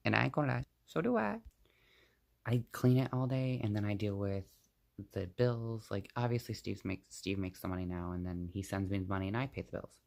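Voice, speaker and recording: A man's voice: fairly low pitch, creaky, a little mellow. A young man vlogging, venting to the camera in a rambling, blunt and profane way.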